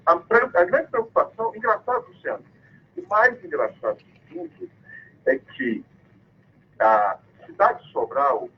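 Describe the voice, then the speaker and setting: A husky man phones into a radio program, his voice crackling and dropping out on a dull, lo-fi line. He talks in a swooping, lively pitch, pressing his points hard and defiantly. The sound is muffled, like a cordless phone piped straight into the studio. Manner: emphatic, accusatory, defiant. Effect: crackly, cutting-out phone line. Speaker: caller to a radio show. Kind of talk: impassioned phone-in denunciation.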